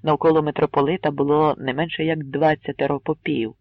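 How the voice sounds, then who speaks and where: A man narrating an audiobook with expressive storytelling on a muffled recording. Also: fairly high pitch, a little fast, no room sound. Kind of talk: audiobook reading.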